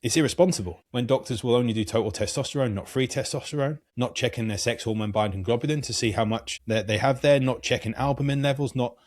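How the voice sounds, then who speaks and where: A man's voice: medium pitch, fast, hardly any pauses, darkish tone. Earnest man in his thirties. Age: 30s. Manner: earnest, long flowing explanations. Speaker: guest, hormone coach. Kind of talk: podcast interview.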